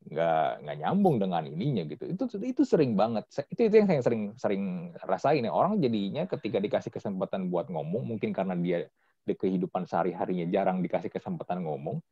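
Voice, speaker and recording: A male podcast host talks in a lively, slangy way, his low voice swinging up and down. The sound is mellow, with a dull, lo-fi quality. The room is dry, with no echo. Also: fast, husky. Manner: animated, chatty storytelling with slang. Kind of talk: casual podcast chat.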